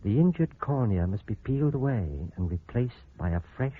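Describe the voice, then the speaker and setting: A man's voice: mid-range voice, big pitch swings, moderate pace, breathy edge, narrow, tinny audio. An actor playing a cold, scheming male surgeon in a 1940s radio drama, heard over an old AM radio broadcast.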